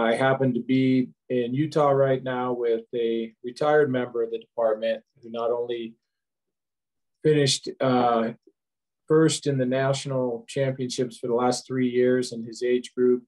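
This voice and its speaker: A man's voice: medium pitch, level tone, a little slow, darkish tone, low-quality recording. A man on the board giving casual remarks at a meeting, with some fillers. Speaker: board director.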